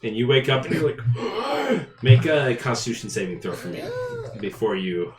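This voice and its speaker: A man's voice: lowish voice, lively intonation, brisk. Laughing man running a tabletop game. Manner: laughs often while narrating. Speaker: game master. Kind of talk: narrating a tabletop game live. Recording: roomy echo, loud background music.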